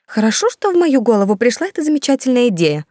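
Lady voicing a shrill gossipy baroness in a storybook, indignant, dry close sound. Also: sing-song, quick pace, warm tone, dry recording. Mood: scheming. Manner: indignant, high and agitated. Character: shrill scheming noblewoman, older, fawning baroness.

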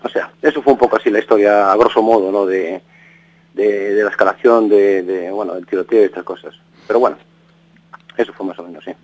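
A man's voice: fairly low pitch, fairly even intonation, fairly quick, low-quality recording. A middle-aged man from Galicia, an interviewee who rambles in a casual way, restarting his sentences and tagging them with questions. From Galicia, Spain. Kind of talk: casual recounting. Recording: radio broadcast.

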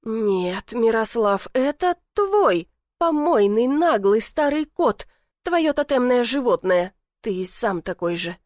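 A woman's voice: medium pitch, moderate pace, few pauses, dry recording, clean studio sound, natural voice. A woman voicing a scolding angry young woman. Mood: contemptuous. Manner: sharp, scolding. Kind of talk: audiobook character voice.

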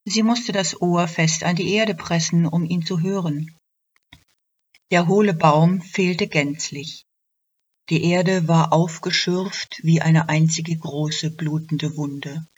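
A woman telling a fairy tale for radio in a calm, measured way. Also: low-pitched, breathy edge. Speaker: storyteller. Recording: dull lo-fi radio recording.

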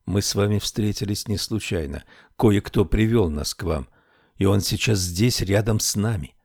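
A man voicing a shaken, grieving young man in an audiobook, speaking in a hushed, careful way. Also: on the low side, moderate pace, dry recording, clean studio sound.

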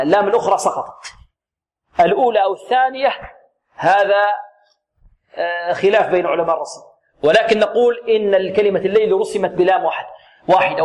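A man teaching Quran recitation rules, asking questions and answering them himself, and drawing out the recited words slowly. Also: high voice. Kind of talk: tajweed lesson with recited examples.

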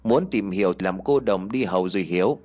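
A man's voice: low voice, brisk, darkish tone, close to an everyday voice. A man voicing a blunt, scolding old male village shaman in a spoken ghost story. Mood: gruff.

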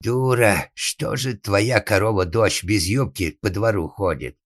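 A man voicing a furious old father in an audiobook, shouting and lamenting in drawn-out cries. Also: on the low side, dry recording, clean studio sound, voice pushed up. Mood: raging. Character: furious old male father, bellowing, tyrannical. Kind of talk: audiobook narration.

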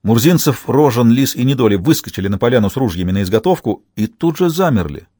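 A man reading an audiobook with steady storytelling narration. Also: medium pitch, fast, no echo, studio quality.

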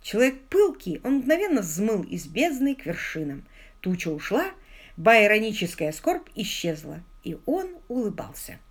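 Женщина читает роман вслух, голос очень живой, выразительно. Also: female voice, mid-range voice, normal speed. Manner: expressive storytelling. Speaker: audiobook narrator. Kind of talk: audiobook reading.

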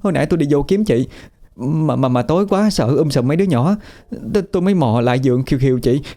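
Guy doing a scared stammery woman, squeaky high voice, words tumbling out fast. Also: expressive, warm tone. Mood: frightened stammering. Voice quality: stammering, breathless rushing speech. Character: panicked middle-aged woman, stammering, terrified of ghosts.

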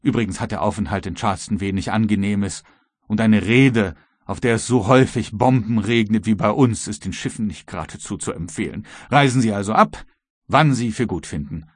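A male audiobook reader voicing a courteous, inquisitive general with a husky voice. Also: lowish voice, a little fast, dry recording, clean studio sound, lightly acted. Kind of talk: audiobook reading.

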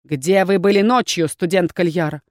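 A woman's voice: fairly low pitch, moderate pace, no echo, clean studio sound, natural voice. A woman reading a stern, suspicious male dean who interrogates sharply and snaps commands, as an audiobook character voice. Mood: interrogating.

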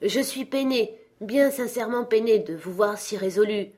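A woman voicing a cheerful, warm-hearted young man who pleads earnestly, in an audiobook reading. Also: mid-range voice, moderate pace, natural voice. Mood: pleading.

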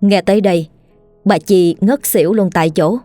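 A woman narrating a scripted ghost story in a steady, measured way. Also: mid-range voice, dry recording, faint music behind.

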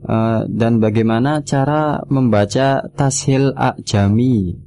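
A man's voice: mid-range voice, takes it slowly, dark tone. A man hosting a radio call-in, politely reading out listener questions to the teacher. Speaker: radio host.

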